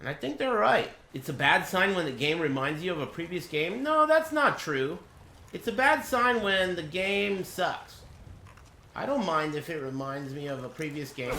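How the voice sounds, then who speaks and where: High-pitched, bright and forceful, this man's voice comes with a roomy echo. He streams games and chats casually, rambling through crude, blunt impressions full of jokes and swearing.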